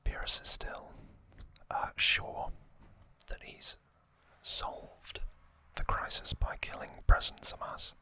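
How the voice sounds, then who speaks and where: In a close-miked, breathy whisper with no voicing, an ASMR trivia channel host takes it slow and unhurried. The narration recaps an anime saga, with words softly repeated for effect.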